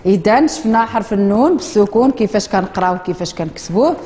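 Moroccan teacher in a reverberant classroom. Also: female voice, medium pitch, lively intonation, mellow. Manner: slow, drawn-out modeling of words for children. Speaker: primary school teacher. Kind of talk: classroom reading lesson.

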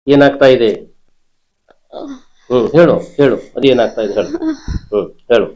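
Heard through poor audio, a man with a mid-range, darkish voice runs a ritual interrogation as a spirit healer at a moderate pace. Over and over, he pushes with short questions and commands, never easing off.

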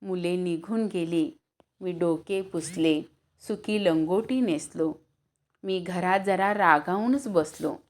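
A woman reading a story aloud as narrator, lifting her voice for the characters' lines. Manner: unhurried, acts out dialogue with raised pitch.

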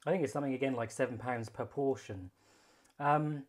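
In this casual cooking review, a young British vlogger with a British English accent speaks at medium pitch and a little fast. Filmed by a phone camera focused on his hands in a home kitchen, he is chatty, self-deprecating, slangy and sweary.

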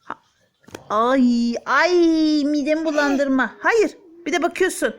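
A woman's voice: high-pitched, unhurried, a bit bright. A young woman, talking baby talk to her child in a sing-song voice and scolding playfully. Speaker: mother filming her baby.

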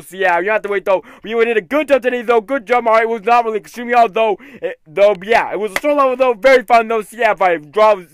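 A man hosting excitable video game commentary, exclaiming and scolding the game character, often tacking "though" onto his sentences. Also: very high voice, clean tone, dry recording. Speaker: gaming video host.

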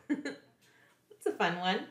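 A woman's voice: high voice, sing-song, slow pace, fairly bright tone, echoey room. A woman, a children's librarian, reading picture books aloud to young kids in a playful way, often asking them questions.

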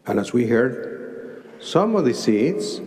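A man in his sixties with a Mexican Spanish accent, an archbishop preaching a homily slowly in short deliberate phrases at a cathedral pulpit microphone. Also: medium pitch, sing-song, darkish tone. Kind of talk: sermon. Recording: long cathedral reverb.

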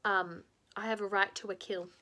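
Menacing storybook witch queen, shrill and commanding, woman reader doing the voice. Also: normal speed, a bit bright, lightly acted. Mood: imperious. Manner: shrill and imperious.

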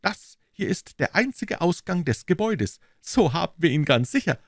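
A man voicing an eager, boastful male Scotland Yard detective in a much higher, louder voice. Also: big pitch swings, moderate pace, no room sound, clean studio sound. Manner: eager, boastful, high and loud.

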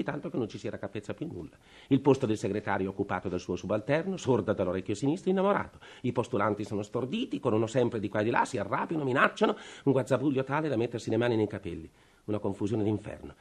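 An actor playing a desperate, worn-out middle-aged state official with a breathless, pleading manner, in 1950s radio drama. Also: male voice, lowish voice, husky, exaggerated voice. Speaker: worn-out family man begging for a revolver.

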